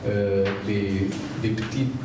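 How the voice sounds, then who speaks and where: A man who is a non-native French speaker with a foreign accent, giving a public lecture haltingly, searching for words and repeating himself. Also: lowish voice, fairly even intonation. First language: not French. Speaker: guest lecturer. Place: echoey indoor lecture space. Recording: echoey room, distant mic, clear background noise.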